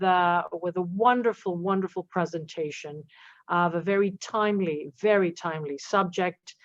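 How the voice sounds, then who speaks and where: A woman moderates a panel, introducing and thanking speakers in a gracious way and often repeating her words. Her voice sits fairly low and comes through dry, dull lo-fi audio. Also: no room sound.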